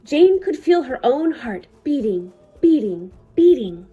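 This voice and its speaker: A woman reading a picture book aloud for children at storytime, with measured, deliberate phrasing. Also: high voice, big pitch swings, mellow, breathy edge, highs cut off.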